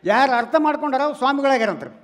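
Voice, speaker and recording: A man with a North Karnataka Kannada accent doing stand-up comedy on stage, chatting loudly with the crowd and calling them relatives. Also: extremely high pitch, animated, rapid-fire. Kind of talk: stand-up comedy before a live audience. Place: stage in a large hall. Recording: long hall reverb.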